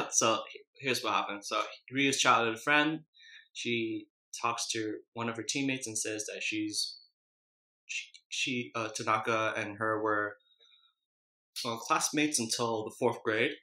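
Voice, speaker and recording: A man's voice: medium pitch, slow pace, pushed and bright. A man casually chatting as a mukbang host, chewing and eating while he talks. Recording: roomy, echoey indoor sound.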